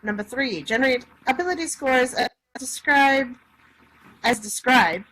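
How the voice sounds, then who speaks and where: A woman reads a tabletop game rulebook in a high, pushed, bright voice at a slightly slow pace, occasionally stumbling and breaking off for jokey comments. Poor audio carries clear background noise.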